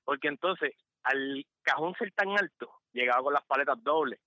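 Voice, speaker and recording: A man's voice: medium pitch, moderate pace, no echo. A man telling funny work stories on a podcast, animatedly acting out the people in them. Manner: animated, acts out other people's voices. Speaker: podcast guest storyteller. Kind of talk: comic storytelling. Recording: slightly dull, dry podcast mic.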